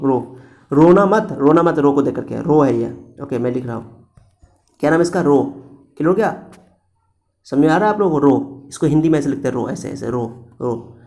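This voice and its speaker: A man's voice: fairly high pitch, darkish tone. A man teaching a physics lecture to students, repeating key points and asking and answering his own questions. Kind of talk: classroom-style lecture to students.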